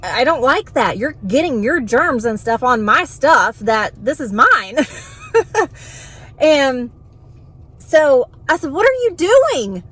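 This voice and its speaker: A woman, a vlogger and home health worker telling an animated, exasperated story in casual venting style. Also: sits high, slow pace, long pauses, slightly rough.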